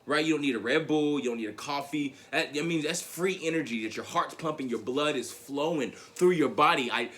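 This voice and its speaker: A young adult man giving a motivational speech, telling a personal story in an animated way, often repeating his words and calling the audience "guys". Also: on the high side, brisk, few pauses. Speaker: motivational speaker.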